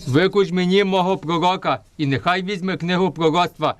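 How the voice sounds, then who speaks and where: Man acting pompous high-voiced tyrant King Herod. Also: fairly even intonation, brisk, natural voice. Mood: imperious. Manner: pompous, commanding. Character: wrathful, boastful tyrant King Herod of puppet theatre. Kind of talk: declamatory folk nativity puppet play.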